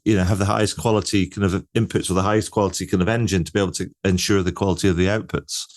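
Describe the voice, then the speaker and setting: An interview host talks in a low, steady voice at a racing pace. His style is loose and conversational, full of fillers like "you know" and "like".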